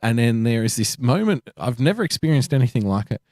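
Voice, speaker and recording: A man's voice: medium pitch, sing-song, brisk, darkish tone, no echo, clean studio sound. A man with an Australian accent, co-hosting a podcast in casual chat, joking and laughing as he tells a story. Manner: jokey, laughs often, playful asides. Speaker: podcast co-host.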